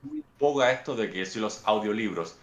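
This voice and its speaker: A young Cuban man with a Cuban accent, answering interview questions in a thoughtful, unhurried storytelling way, often restarting his phrases. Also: lowish voice, huge pitch swings, fairly bright tone, roomy sound. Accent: Cuban Spanish. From Cuba. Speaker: guest author.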